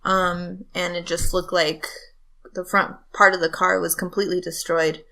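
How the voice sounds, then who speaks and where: A woman's voice: fairly low pitch, little pitch movement, normal speed, bright, forceful tone. A woman guest on a podcast, casually telling a rambling story with lots of ums. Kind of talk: casual chat.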